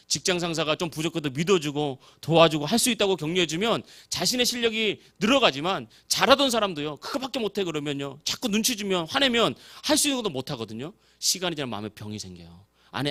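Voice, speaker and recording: Male pastor, high and very expressive voice, storytelling sermon in a church. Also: fast talker, hardly any pauses. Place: church sanctuary.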